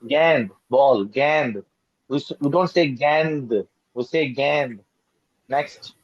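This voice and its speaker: A man's voice: medium pitch, takes it slowly. A man teaching a children's language lesson, patiently repeating words and correcting pronunciation. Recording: dull lo-fi dry recording.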